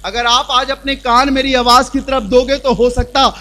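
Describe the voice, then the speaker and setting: A man pastor teaching the Bible loudly in a church hall, calling out questions for the congregation to answer. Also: very high voice, level tone, normal speed. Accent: Hindi. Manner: loud call-and-response preaching. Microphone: handheld mic.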